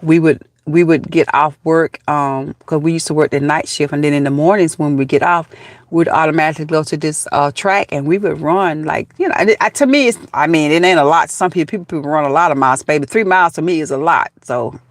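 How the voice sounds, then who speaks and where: A fiftysomething woman from Georgia, USA, talks fairly quickly in a low voice with a Southern accent, casually chatting with viewers on a live stream. Frequent laughter and calls of baby and honey fill her talk, captured on a dry recording.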